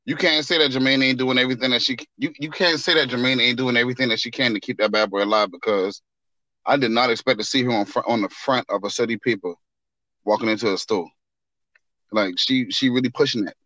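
A man's voice: mid-range voice, fast, sharp tone, no echo, lo-fi sound. Casting: male co-host, Charleston Gullah Geechee accent, mid-range voice, loose colloquial chat with repeated phrases, recorded without room sound. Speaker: podcast co-host. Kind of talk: casual chat.

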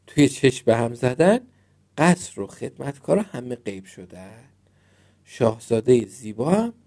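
Mellow man reading a children's story. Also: medium pitch, creaky.

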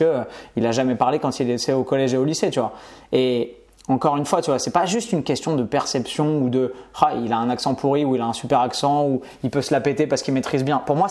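A man telling stories in a casual conversation, slangy and animated, often adding "tu vois". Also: mid-range voice.

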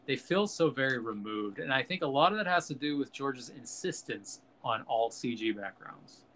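Bright-voiced man riffing casually. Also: medium pitch, lively intonation, moderate pace, slight background noise. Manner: loose, profane, laughs at own jokes. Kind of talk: casual film chat.

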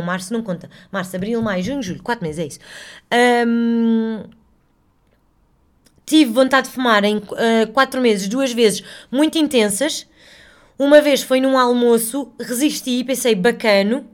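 Here a podcast host with a European Portuguese accent talks on her own in a loose, rambling way. She swears freely, mocks herself, and speaks at a fairly high pitch.

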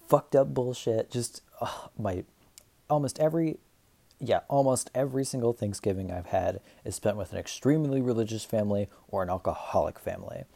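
A man's voice: mid-range voice, gravelly, warm tone. A young man hosting a casual solo podcast, rambling and profane, cracking self-deprecating asides. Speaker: podcast host.

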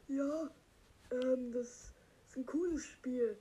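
A man's voice: very high voice, mellow, a little hiss or hum, exaggerated voice. Spike, a goofy cactus through a voice changer, played by a man. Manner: rambling, silly, slow, halting with many fillers. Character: dim-witted green male cactus creature. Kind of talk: comic character monologue.

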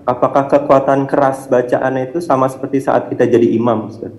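A man calling in to ask questions, politely and hesitantly, pausing and restarting often. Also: medium pitch, steady tone, a little mellow. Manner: hesitant, many fillers and restarts. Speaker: caller asking questions. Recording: dull, roomy, reverberant line.

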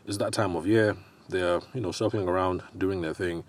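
Man, Nigerian accent, low-pitched voice, podcast host, casual explanatory talk, hesitant and conversational. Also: fairly even intonation, normal speed.

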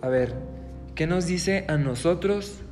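A man's voice: fairly high pitch, slow, darkish tone, long reverb tail, faint music behind. A man leading a podcast Bible reflection, talking earnestly and with feeling. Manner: earnest and emotive, acting out quotes in a trembling plea. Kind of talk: reflective religious talk.

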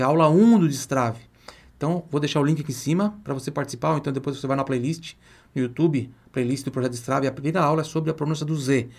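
A Brazilian man with a Brazilian Portuguese accent leads an online Italian pronunciation lesson. He stretches out example words slowly and has the viewer repeat them aloud, then turns chatty and talks straight to the viewer. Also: fairly high pitch. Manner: chatty, addresses viewer directly. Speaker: Italian teacher.

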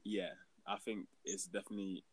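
A man's voice: low voice, flat delivery, a little fast, slightly rough, no echo. A young man with a London accent and slangy roadman way of talking, chatting casually on a podcast. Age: young adult. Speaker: podcast speaker.

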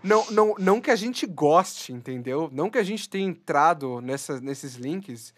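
Animated and slightly high-pitched, this Brazilian man co-hosts a podcast at a moderate pace. He stumbles and wanders through comedic banter about the news.

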